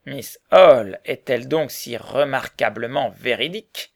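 A man reading the lines of an earnest middle-aged mill owner in a storybook, in a measured, serious way. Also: medium pitch, gravelly, dry recording, studio quality.

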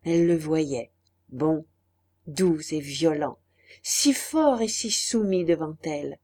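A woman narrating a classic novel as an audiobook, measured and expressive. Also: sits low.

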